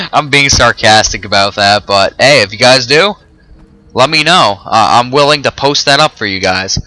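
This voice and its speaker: A man's voice: mid-range voice, expressive, moderate pace, bright, forceful tone, dry recording, low-quality recording. A man hosting a let's-play video, with rambling casual commentary full of fillers and swearing. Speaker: host of a gaming channel.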